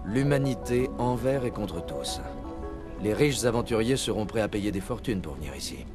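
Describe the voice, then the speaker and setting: An actor playing a level-headed military commander in a game dub, speaking in a controlled, direct, authoritative way. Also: male voice, on the low side, lively intonation, moderate pace, music in the background, close to an everyday voice. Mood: persuasive, calm. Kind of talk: dramatic French game dub acting.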